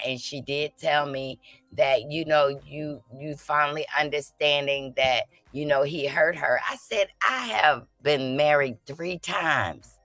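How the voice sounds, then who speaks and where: Middle-aged woman, low bright voice, sassy panelist banter, dry close sound. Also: no room sound. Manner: sassy, joking, animated storytelling. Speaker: commentator. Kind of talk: casual panel chat.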